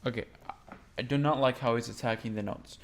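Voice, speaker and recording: A man's voice: medium pitch, fairly even intonation, a little fast. A man, a voice teacher, giving casual commentary on a video in a rambling way, with lots of fillers.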